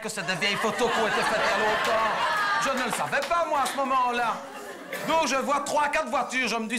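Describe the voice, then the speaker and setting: A chatty, naive Belgian housewife tells her tale in a raised, fluttery voice, as a male comedian puts her on, indignant and breathless. The live stage recording carries a steady background hiss. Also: very high-pitched. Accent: Belgian French. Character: gossipy naive Belgian housewife, middle-aged. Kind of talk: stand-up character monologue. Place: theatre stage before live audience.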